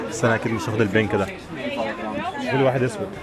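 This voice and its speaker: An Egyptian travel vlogger with an Egyptian accent and a lowish voice talks very fast, chatting casually to his viewers. Busy crowd noise surrounds his voice.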